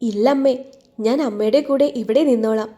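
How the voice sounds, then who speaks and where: Woman voicing a soft, tearful young bride. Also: a little high, normal speed, close to an everyday voice. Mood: pleading. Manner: soft, pleading.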